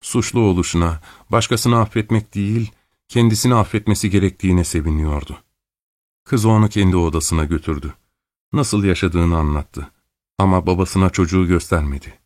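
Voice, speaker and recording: Male narrator, low voice, dry close recording, measured literary reading. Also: no echo. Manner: calm, measured reading; raises pitch for female characters' quoted lines. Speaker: audiobook narrator.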